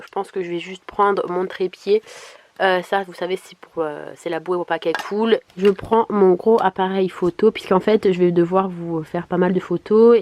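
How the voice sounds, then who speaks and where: Female vlogger, medium pitch, chatty and informal, sounding ill with a congested, croaky swollen-tonsil voice. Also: a little mellow. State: sick with tonsillitis, swollen-throat hoarse voice. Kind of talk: casual vlog chat to camera.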